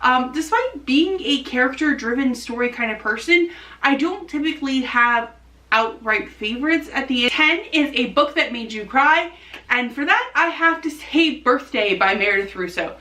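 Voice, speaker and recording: A book vlogger chats to the camera about books in a casual, enthusiastic review, her voice high-pitched, expressive, bright and forceful at a moderate pace. She's recorded in a roomy space, some distance from the mic.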